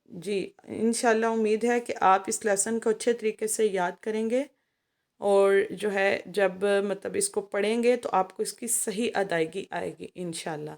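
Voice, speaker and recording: A woman teaching a recorded Quran lesson to children, patiently explaining and stretching syllables out slowly. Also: medium pitch, steady tone, a little mellow. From Pakistan.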